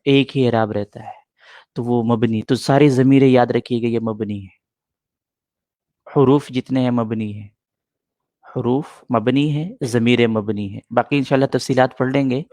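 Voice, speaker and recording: A patient middle-aged man teaching a grammar class, going over each rule more than once. His voice has an average pitch and sounds close and dry, with no room echo. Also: fairly even intonation, warm tone. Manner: patient, repeats points and answers students' questions.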